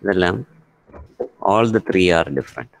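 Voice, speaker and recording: Low gravelly Malayali man teaching grammar. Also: expressive, very slow, slight background noise. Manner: explains grammar mixing Malayalam and English, calls on students by name. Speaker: English teacher. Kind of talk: online class lecture.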